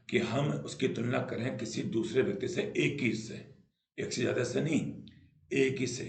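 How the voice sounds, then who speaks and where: Man, grammar teacher, patient explainer, repeats himself, roomy echo. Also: medium pitch. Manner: explains patiently, repeats key points, checks with "right?". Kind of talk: Hindi-language grammar lesson.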